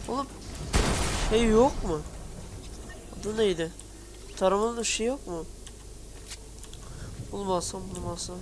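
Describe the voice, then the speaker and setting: Woman gamer doing casual commentary, muttering and cursing, with loud game sounds behind. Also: mid-range voice, a little slow, pauses often, background noise. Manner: swearing, muttering to herself, sudden yelps.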